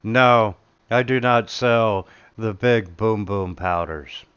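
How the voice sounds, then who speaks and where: A man voicing a shrewd male merchant who speaks in a halting, stammering way. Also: on the low side, a bit bright, clean tone. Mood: puzzled, incredulous. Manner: halting, full of stammers and filler sounds. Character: gruff male merchant, shrewd, rule-minded shopkeeper. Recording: dull lo-fi recording.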